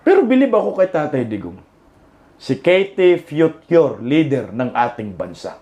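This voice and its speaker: A Filipino man doing laughing, mocking reaction commentary over protest footage, jeering and shouting exclamations. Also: on the high side, sing-song, unhurried, slight background noise. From Philippines.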